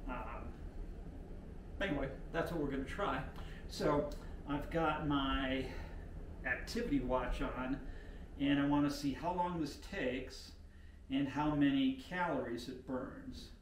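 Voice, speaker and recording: A man's voice: medium pitch, slow, pauses often. An older man talking casually while he demonstrates a home workout, unpolished and rambling, thinking aloud with plenty of fillers. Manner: talks while moving and exercising. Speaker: home exercise vlogger. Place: room in an older mountain home. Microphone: camera set back from the speaker. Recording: roomy home audio from a distant mic, faint hiss.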